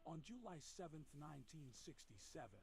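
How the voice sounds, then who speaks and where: A man's voice: fairly high pitch, very animated, moderate pace, creaky, darkish tone. A man reading scripted documentary narration from a played video, his audio heard in one ear only, in the left channel. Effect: heard in one ear only, mono audio in the left channel.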